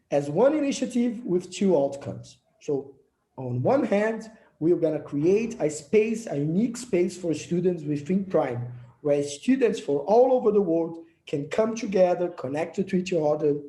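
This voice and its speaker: A Brazilian project leader whose first language is Portuguese presents a session in a prepared speech, speaking earnestly with a Brazilian Portuguese accent. His voice is high and mellow, with small slips and restarts, and the room is echoey.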